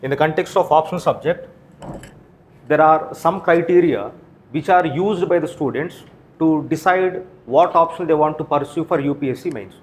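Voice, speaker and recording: Lecturing students preparing for exams, a man with an Indian accent asks and answers his own questions, frequently checking in with "right?" and "okay?". His voice is a little high and moves at a normal speed.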